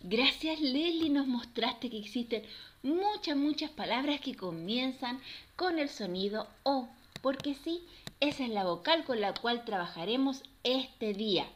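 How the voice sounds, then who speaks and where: A woman's voice: sits high, animated, slight background noise. A woman teacher presenting a children's lesson, stretching out words and syllables in a sing-song, encouraging manner. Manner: slow, sing-song, exaggerated syllables for kids.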